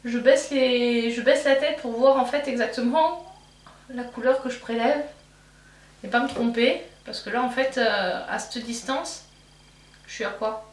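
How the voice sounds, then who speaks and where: A woman's voice: fairly high pitch, unhurried, far from the mic. A woman vlogger chatting casually while doing her makeup, thinking aloud with fillers and restarts. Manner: rambling, thinking aloud with many fillers and self-corrections. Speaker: beauty vlogger. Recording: echoey room, voice from off-mic, faint hum.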